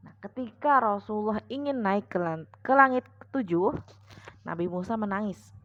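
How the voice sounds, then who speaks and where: A woman's voice: medium pitch, animated, moderate pace. A woman religious teacher telling a story as a lesson, patiently, step by step. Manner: patient, retelling step by step with "nah" and "sama". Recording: dull lo-fi recording with faint hum.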